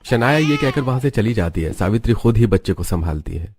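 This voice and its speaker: A man giving scripted, even narration for a cartoon story. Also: on the low side, fairly quick.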